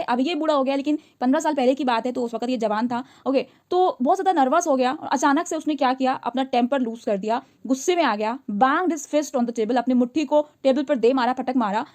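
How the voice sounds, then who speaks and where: A woman teacher explaining a story line by line. She reads each English line slowly, then explains it in chatty Hindi and asks her listeners questions. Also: sits high, darkish tone.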